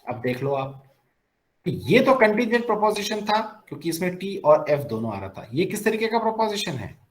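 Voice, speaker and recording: In a low-quality recording, a man with a high-pitched voice teaches logic in a classroom-style lecture shown on a recorded screen, speaking at normal speed. He is lively, asks questions and answers them himself, and mixes in English phrases.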